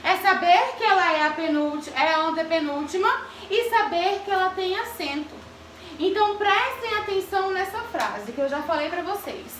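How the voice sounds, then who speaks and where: A woman's voice: extremely high pitch, expressive, normal speed, fairly bright tone, a little hiss or hum. A woman teacher giving a grammar lesson to children, asking the class questions and calling on pupils by name. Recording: echoey classroom from far off.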